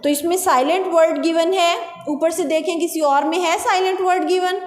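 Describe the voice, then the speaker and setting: High-pitched Pakistani woman teaching slowly. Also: fairly even intonation. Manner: slow, patient dictation of words and meanings. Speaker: school English teacher. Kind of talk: classroom lecture to children. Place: classroom. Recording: echoey classroom, faint background noise.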